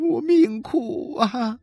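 A woman's voice: sits high, dark tone, dry recording, pitched above the performer's own voice. A woman voicing a desperate wife who is crying and pleading for her dying husband, with a wailing, tearful delivery. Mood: lamenting. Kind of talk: dramatic reading.

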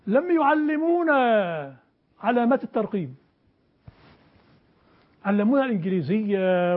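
An older male teacher lectures a classroom, his husky voice sitting unusually high. He presses his students with questions and drives each point home emphatically. The recording is dull and lo-fi. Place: classroom with a board.

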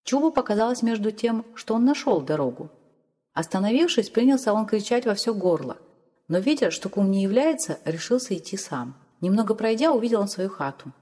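Brief: female audiobook narrator, mellow and even, long reverb. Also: mid-range voice. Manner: measured, even storytelling. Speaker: audiobook reader. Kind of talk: scripted literary narration.

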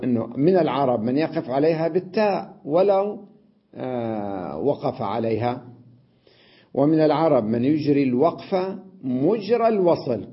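A man teaching Arabic grammar in a classroom lecture, explaining patiently, repeating key words and reciting verse slowly. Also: medium pitch. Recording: dull lo-fi lecture recording.

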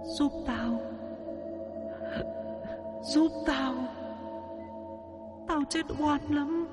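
A man doing a high, wailing ghost girl. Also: over music, heavily acted. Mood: wailing, pleading.

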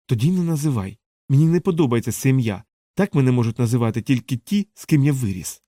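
A man's voice: mid-range voice, animated, fast talker, dark tone, dry recording, studio quality, close to an everyday voice. A man reading the lines of a haughty, curt wealthy man in a cold, dismissive tone. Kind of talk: audiobook character reading.

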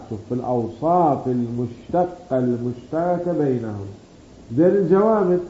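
A man teaching a grammar lesson, explaining patiently, drawing out key words, and asking and answering his own questions. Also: mid-range voice. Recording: dull roomy recording with faint background hum.

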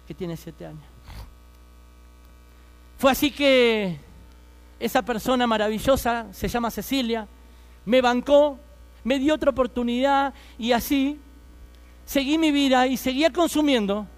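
A man in his thirties with an Argentine accent, telling his life story as a fervent preaching testimony and speaking straight to his listeners. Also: extremely high pitch. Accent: Argentine Spanish.

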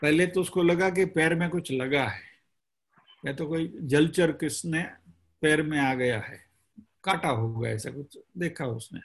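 A man giving a spiritual discourse, retelling a scripture story slowly and deliberately, with pauses between phrases. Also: a little high. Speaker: spiritual teacher.

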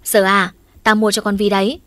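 Woman reading as a gruff scolding mother. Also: medium pitch, little pitch movement, moderate pace, a bit bright, dry recording, lightly acted. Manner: gruff, cursing, snapping. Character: sharp-tongued middle-aged mother, loud and scolding. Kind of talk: audiobook reading.

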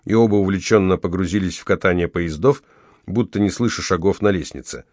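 Male narrator, low voice, measured audiobook reading, dry close sound. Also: a little mellow, dry recording. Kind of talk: scripted narration.

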